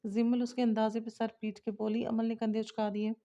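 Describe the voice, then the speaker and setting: A woman's voice: fairly high pitch, little pitch movement, normal speed, mellow. A woman reading a romance novel aloud, voicing all the characters' dialogue in a lightly shifted voice. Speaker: narrator.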